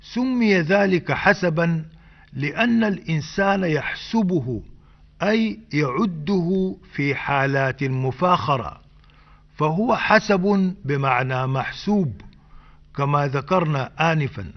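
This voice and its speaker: A man hosting a radio program, slowly explaining the meanings of Arabic words in a measured, scholarly way. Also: fairly high pitch, expressive. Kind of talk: slow scripted language lesson. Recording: dull old radio broadcast.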